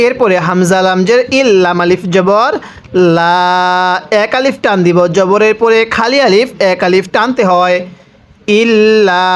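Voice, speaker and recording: A man from Bangladesh, a Quran teacher, spells out each letter and vowel mark one by one and asks and answers his own questions. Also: high voice.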